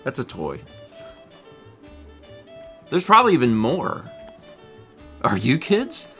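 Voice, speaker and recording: Speaking slowly in a medium-pitched, sharp voice with huge pitch swings, a thirty-something livestream co-host rambles over faint music. He reads viewer comments casually, laughing often and joking at his own expense.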